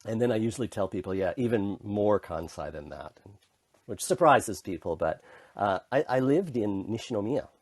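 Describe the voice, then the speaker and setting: A middle-aged Canadian man, an intercultural communication consultant, speaks as a podcast guest in a casual interview, recounting his own story with frequent restarts. His fairly low voice is expressive, a little mellow and slightly rough, at normal speed, and there's no echo.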